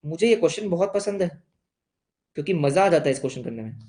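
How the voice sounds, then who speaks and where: A man's voice: a little high, expressive, quick pace, warm tone. A young man with an Indian accent teaching an accounts lesson, playfully asking questions and answering them himself as a student would. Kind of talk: online class lesson.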